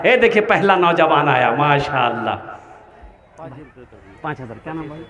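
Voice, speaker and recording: A high-voiced male preacher works the crowd with jokes and appeals. His voice carries through a loudspeaker. It echoes around a large, roomy space. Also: moderate pace. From Kolkata. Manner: animated, joking exhortation. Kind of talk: fundraising sermon at a religious gathering.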